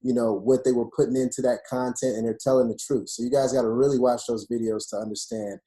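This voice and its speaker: A man's voice: medium pitch, steady tone, fast talker, dark tone. A man, an optometrist guest in an interview, speaking emphatically and persuasively with frequent "you know"s. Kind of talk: conversational interview talk.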